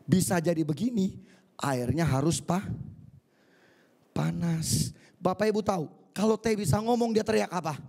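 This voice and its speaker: A male pastor delivering a sermon to an online congregation, lively and theatrical as he acts out little scenes. His voice is gravelly with a slightly high pitch. Now and then he slips English phrases into his preaching. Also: moderate pace, pauses often. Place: church service streamed online.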